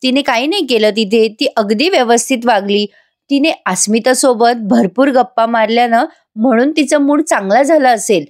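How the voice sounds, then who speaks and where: A woman voicing a gentle middle-aged wife who speaks softly and reassuringly. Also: on the high side, normal speed, close to an everyday voice.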